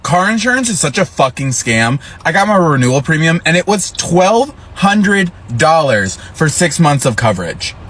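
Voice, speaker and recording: A man's voice: a little high, big pitch swings, moderate pace, hardly any pauses, fairly bright tone. A man ranting casually, incredulous and swearing as he tells his story. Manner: incredulous, profane. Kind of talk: casual rant to camera.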